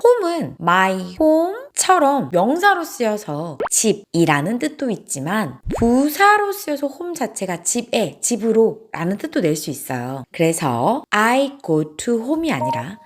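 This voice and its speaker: Lady english teacher, lively up-and-down voice, asks then answers. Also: on the high side, slow pace, few pauses, a little hiss or hum. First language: Korean. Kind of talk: online English grammar lesson.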